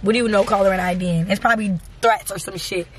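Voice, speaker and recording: A woman's voice: mid-range voice, steady tone, fast talker, husky. A young woman vlogging casually in a car and at a gas station at night. She is blunt and playful and talks straight to her viewers. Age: young adult. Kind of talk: casual chat.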